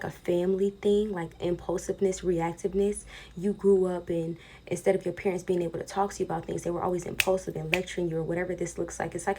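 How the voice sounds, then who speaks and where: A woman's voice: fairly low pitch, mellow, a little hiss or hum. A woman hosting a casual spiritual card reading, chatting informally and speaking directly to her viewers. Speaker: tarot reader hosting an online pick-a-pile reading.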